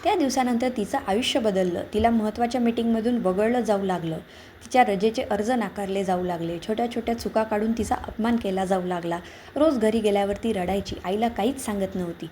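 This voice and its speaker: A woman reads a scripted story in a calm, measured way. Her voice is warm and mellow, with a faint hiss of noise behind it. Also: medium pitch. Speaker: narrator.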